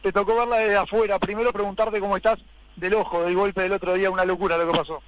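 A man's voice: sits high, level tone, fast, a little hiss or hum, rough recording. A Uruguayan man working as a radio reporter, doing live post-match interviews.

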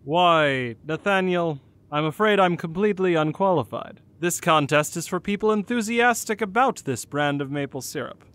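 A man's voice: on the high side, animated, moderate pace, fairly bright tone. An actor playing a pompous, grandly polite father in a comedy radio play.

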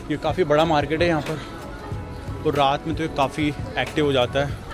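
A man's voice: fairly high pitch, flat delivery, brisk, music in the background. A young man casually chatting to viewers while walking, filming himself with a handheld action camera outdoors. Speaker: vlogger. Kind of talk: casual walking travel vlog. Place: busy city streets at night and train platform, outdoors. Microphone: handheld action camera at arm's length. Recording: street noise behind. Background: city street and station noise.

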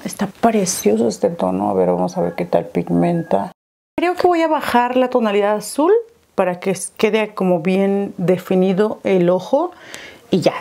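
A woman talks through a makeup tutorial in a relaxed, chatty way, narrating each step as she goes. Her voice is mellow and sits at a middle pitch. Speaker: beauty vlogger.

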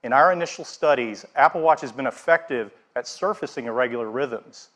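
A middle-aged man presenting products on a large theater stage in a steady, scripted keynote delivery. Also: mid-range voice, brisk.

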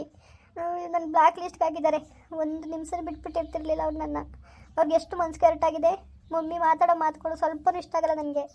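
Brief: young woman, high flat fast delivery, distressed daughter begging her dad for help in a village family drama. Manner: pleading and upset.

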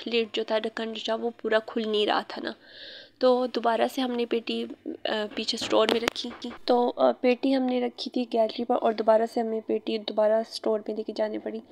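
A woman's voice: fairly high pitch, creaky. A woman from Pakistan, a family vlogger, chatting loosely through a voice-over about work on her home, with many fillers. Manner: chatty, rambling, many fillers, pleads with viewers. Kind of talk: casual voice-over vlog narration. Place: small home with worn walls, under renovation.

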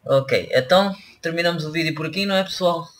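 His voice sits on the high side, a bit bright, and moves at a quick pace. The man, a gaming channel host with a European Portuguese accent, keeps up casual, chatty commentary on a truck driving game while addressing viewers directly, over loud game audio.

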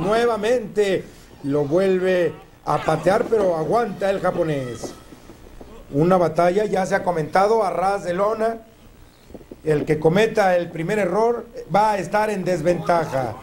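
High-pitched man commentating lucha libre. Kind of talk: wrestling commentary. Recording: noisy dated TV broadcast.

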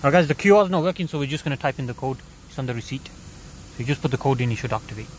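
A man's voice: medium pitch, expressive, rapid-fire. A young man, vlogging in casual, slangy banter from inside a car at a drive-thru car wash, filmed on a phone. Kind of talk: casual chat. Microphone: phone camera. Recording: noisy car wash background. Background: car wash noise.

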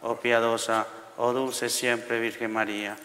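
A middle-aged priest reciting liturgical prayers in a measured, formulaic way, his voice echoing as in a cathedral. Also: medium pitch, flat delivery, fairly bright tone. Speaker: priest leading the rosary. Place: large church interior, seated by the altar. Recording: long echoing reverb of a church.

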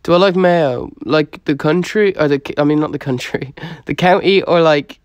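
With a fairly high pitch and a moderate pace, a young Irish man from Dublin answers viewers' comments on a livestream in an easygoing, slangy style. The tone is clean with no echo, captured on a phone close to his face.

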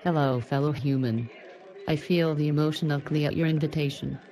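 A performer voicing a stiff, robotic woman who is pretending to be human, with flat, literal, mechanical phrasing, in a comedy sketch. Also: medium pitch, fairly quick, natural voice. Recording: music playing under the voice. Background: clear music.

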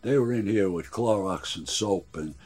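A man in his sixties talks casually in a small boat cabin. His voice is low and husky, and he speaks in a gruff, wry way with halting phrases. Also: a little mellow. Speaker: boat builder and owner being interviewed. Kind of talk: casual chat. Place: small wooden sailboat cabin.

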